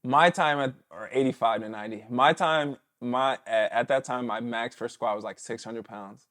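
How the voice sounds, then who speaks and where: In a laid-back interview, this ex-professional football player in his thirties shares anecdotes and occasionally does an impression of his coach's shouts. He has a mid-range voice and speaks at a normal speed.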